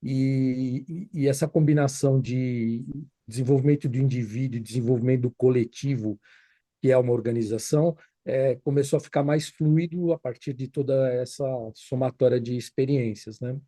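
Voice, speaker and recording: A man's voice: mid-range voice, fairly even intonation, normal speed, mellow, dry recording. A man, a consultant answering interview questions thoughtfully, with many fillers and restarts. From Brazil. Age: 50s. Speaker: guest, consultant.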